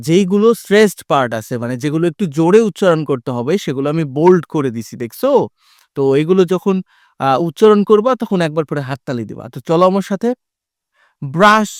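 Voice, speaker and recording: A male teacher with a Bangladeshi accent giving an online English class. He reads rhyme lines slowly and explains each one in turn. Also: fairly high pitch, a little mellow, no echo, clean studio sound. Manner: explains each rhyme line in slow English, then translates.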